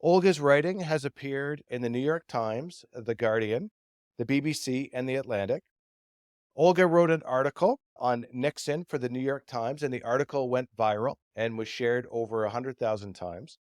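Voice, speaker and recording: A man's voice: medium pitch, moderate pace, darkish tone, no echo, studio quality. A man hosting a podcast interview, asking long questions with many repeated words. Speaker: podcast host.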